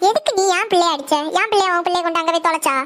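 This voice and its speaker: A very high, bright cartoon mother played by a performer argues hotly in a Kanyakumari Tamil accent. She sounds defensive and indignant, with faint noise behind her. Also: racing. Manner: indignant, arguing. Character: defensive, hot-tempered mother.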